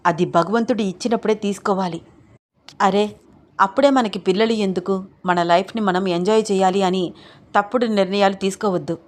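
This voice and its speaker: A woman's voice: medium pitch, lightly acted. A woman voicing an angry older woman who scolds and interrogates in a read-aloud audio story.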